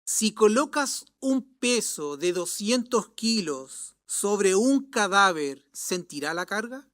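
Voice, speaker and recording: A patient, kindly preacher answering in a gentle, deliberate teaching tone, as a pastor acts him out. The pace is slow and the sound dry and close. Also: male voice, sits high, no echo.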